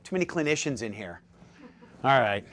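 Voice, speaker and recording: A man giving a live seminar talk as presenter, jokey and lively, quizzing his audience with questions. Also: medium pitch, normal speed. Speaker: presenter at a dental practice seminar.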